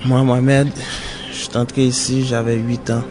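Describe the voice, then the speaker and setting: A man's voice: medium pitch, little pitch movement, moderate pace, over loud music. A Haitian-born man, giving a frank personal testimony and speaking straight to a friend. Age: 20s. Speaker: detainee facing deportation.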